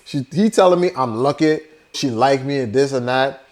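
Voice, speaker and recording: Speaking at normal speed with a medium-pitched, somewhat mellow voice, a young man from Liberia narrates his vlog. It's laid-back storytelling, peppered with "you know" and "like."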